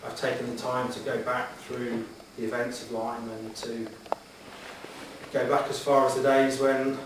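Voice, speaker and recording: A man's voice: medium pitch, little pitch movement, unhurried. Earnest man in a very echoey hall. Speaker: job applicant answering interview questions. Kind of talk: formal interview answers before a room. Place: echoey meeting room, addressing the room. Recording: very echoey hall, distant mic, background noise.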